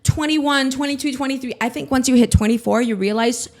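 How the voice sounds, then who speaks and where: Fairly quick and high-pitched with a darkish tone, this twenty-something woman hosts her own podcast. In a casual solo monologue she rants in a scattered, self-mocking way, swearing freely.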